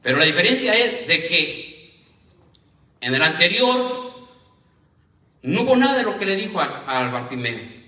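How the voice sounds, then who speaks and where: High, bright-voiced preaching minister. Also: male voice, very animated, a little slow, long pauses. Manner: addresses listeners as "hermano", asks "¿verdad?". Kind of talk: sermon with Bible reading. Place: church congregation. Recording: echoey church, voice from a distance.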